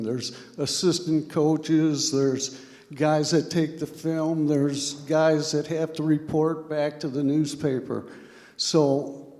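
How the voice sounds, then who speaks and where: An older man, a retired football coach telling stories slowly and reflectively in an on-stage interview. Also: a little high, dark tone. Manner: slow, reflective storytelling with a chuckle. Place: large banquet hall. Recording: reverberant banquet hall.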